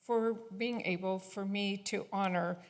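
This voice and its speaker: A woman giving a tribute speech at a synagogue service while presenting an award, halting with frequent fillers. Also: mid-range voice, steady tone.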